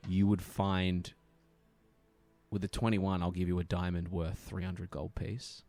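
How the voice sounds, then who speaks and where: A man with a very deep voice narrates the scene as game master, relaxed and loose, with fillers between his descriptions. Soft music plays faintly underneath. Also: a little slow, dry recording.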